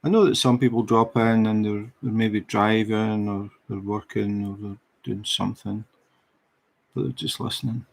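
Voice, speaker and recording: On a crafting livestream, this diamond painting host, a middle-aged man from Scotland, talks with viewers in an easygoing, chatty manner and a Scottish accent. He has a lowish, creaky voice and never seems in a hurry.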